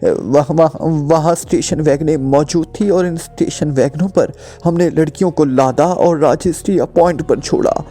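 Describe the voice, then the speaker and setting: A man's voice: fairly high pitch, unhurried, hardly any pauses, mellow, pitched above the performer's own voice. A man voicing a terrified male thug who stammers and pleads in panic. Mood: frantic pleading.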